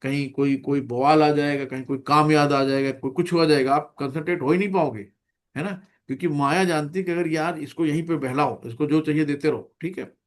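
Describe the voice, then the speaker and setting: A man's voice: fairly high pitch, fairly even intonation, brisk. Chatty male Gita class teacher. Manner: chatty, keeps asking "है ना?", acts out little scenes. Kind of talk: conversational scripture class.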